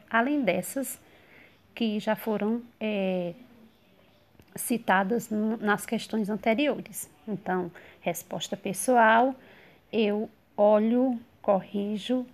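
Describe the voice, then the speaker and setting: A woman teacher with a Brazilian Portuguese accent walks her students through a grammar exercise. She talks slowly and deliberately, spelling out letters and syllables one by one. Her voice has a gravelly, creaky edge. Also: medium pitch.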